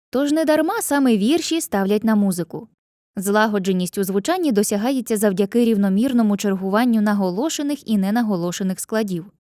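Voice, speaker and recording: A woman narrating a scripted lesson, speaking clearly to the viewer and chanting rhymes slowly. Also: mid-range voice, dark tone, dry recording, clean studio sound. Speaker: teacher.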